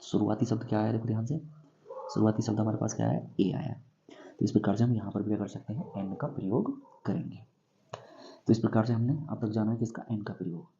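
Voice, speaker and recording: A man teaching English grammar in a classroom-style lesson, going slowly and asking himself questions before he answers them. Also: fairly low pitch, steady tone, mellow, highs cut off, a little hiss or hum. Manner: slow, repeats and quizzes himself with questions.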